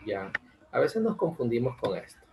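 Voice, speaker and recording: A man, teaching English in an online class, joking and drawing out example words slowly, often checking in with "ok?". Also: medium pitch, very animated, lo-fi sound, background noise. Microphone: video call.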